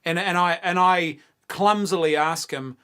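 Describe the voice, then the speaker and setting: A man's voice: high voice, unhurried, fairly bright tone, clean tone. A man, co-hosting a casual debate, arguing his point earnestly and insistently, with stumbling restarts. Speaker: co-host.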